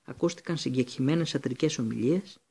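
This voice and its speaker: Male audiobook reader, gravelly, husky tone, steady storybook reading. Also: medium pitch. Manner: steady reading, occasional slips and restarts. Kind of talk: storybook narration.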